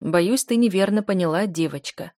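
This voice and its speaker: A woman voicing a calm, possessive man who speaks in a level, unruffled way. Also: on the low side, moderate pace, no room sound, clean studio sound, lightly acted. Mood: firm. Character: calm possessive adult man, firm lover.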